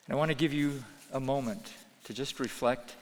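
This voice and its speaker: A man preaching a sermon as pastor, earnest, moving between hushed pleading and raised intensity. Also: medium pitch, fairly even intonation, normal speed, big-room sound, a little hiss or hum. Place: church sanctuary.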